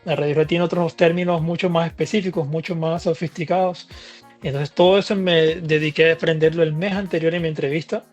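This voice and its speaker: A man, a physician telling his own story in a relaxed, chatty interview, with fillers and restarts. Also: a little high, fast, highs cut off, faint music behind. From Latin America. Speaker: guest physician.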